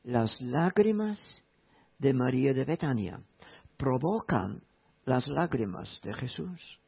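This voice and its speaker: A man preaching a sermon in a slow, emphatic way, repeating key phrases. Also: medium pitch, vocal fry, slightly rough. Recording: tinny phone-like sound.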